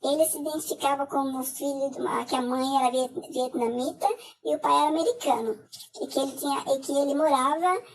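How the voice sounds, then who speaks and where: A middle-aged Brazilian woman with a high pitch and a Brazilian Portuguese accent gives a personal testimony about being scammed, speaking haltingly with many filler hesitations. The audio is poor, from a distant mic.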